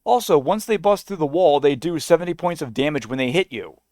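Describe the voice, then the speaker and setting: Man, argumentative reaction commentary, lively high voice, dry close sound. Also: a little fast, no echo. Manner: indignant, argumentative, mocks in a sing-song voice.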